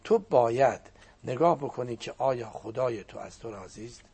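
An older man, a cleric whose first language is Azerbaijani Turkish, telling religious stories in an animated preaching manner with a husky, gravelly voice. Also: mid-range voice. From Turkic-speaking region of Iran. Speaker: cleric guest speaker. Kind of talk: religious storytelling talk.

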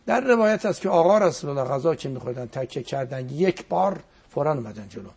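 A man's voice: on the high side, expressive, gravelly, a little mellow, breathy edge. A man giving a reflective religious talk as a cleric, quoting verses and poetry as he goes.

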